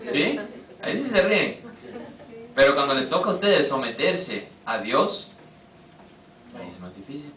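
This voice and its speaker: Bright-voiced preacher, echoey hall. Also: male voice, a little high, very animated, distant mic. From Costa Rica. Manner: engages the congregation with quick rhetorical questions. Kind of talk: sermon. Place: church hall.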